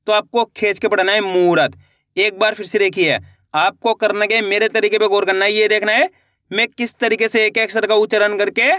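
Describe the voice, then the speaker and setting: A man's voice: high voice, a bit bright, dry recording, clean studio sound. A man teaching a reading lesson, patiently spelling words out syllable by syllable and then blending them, talking to viewers as friends.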